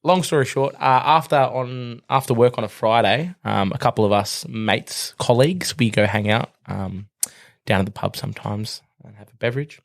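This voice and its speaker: A man's voice: lowish voice, normal speed, creaky. A young Australian man co-hosting a podcast, telling a rambling story full of fillers and laughs in casual chat. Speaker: podcast co-host.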